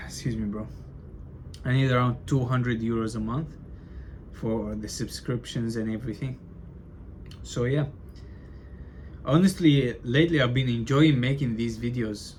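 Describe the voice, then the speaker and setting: A man's voice: mid-range voice, a little hiss or hum. A young man talking casually to his camera in a vlog, loose and rambling, often saying like and bro, with some stuttering. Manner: loose and chatty, says bro and like a lot, stutters. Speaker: vlogger documenting his business.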